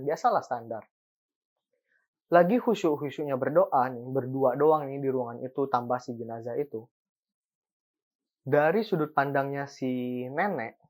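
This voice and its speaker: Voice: mid-range voice, darkish tone. A host telling a ghost story in a chatty, casual way, full of fillers and building suspense.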